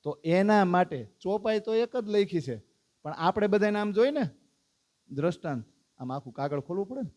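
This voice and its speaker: A man's voice: sits high, moderate pace. Man telling a devotional story. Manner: animated storyteller, asks listeners questions. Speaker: spiritual teacher.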